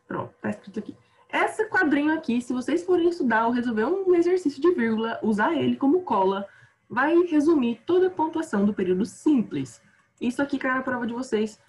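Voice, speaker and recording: Woman, from Brazil, grammar teacher, online class, chatty, self-deprecating, tired, slightly high voice. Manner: chatty, self-deprecating, often trails off quietly.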